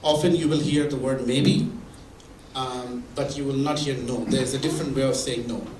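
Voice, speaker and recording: Male presenter, mid-pitched, explaining with examples, heard from a distance in a roomy hall. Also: steady tone, moderate pace, darkish tone, slight background noise. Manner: explains with examples, many restarts. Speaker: presenter at a mentoring event. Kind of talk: conversational presentation. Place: meeting room or hall. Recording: echoey room from far off.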